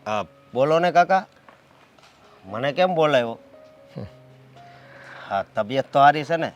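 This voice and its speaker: A man's voice: fairly high pitch, expressive, a little slow, dull audio, soft background music. An actor playing a respectful young brother who reassures his elderly uncle. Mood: concerned.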